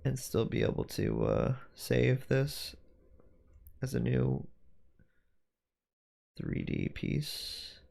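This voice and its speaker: A man's voice: mid-range voice, wildly swooping pitch, drawn-out words, vocal fry, pauses often, a little mellow. A man streaming while he does 3D design work, chatting casually and rambling as he thinks aloud and corrects himself. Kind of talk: casual livestream chat while working.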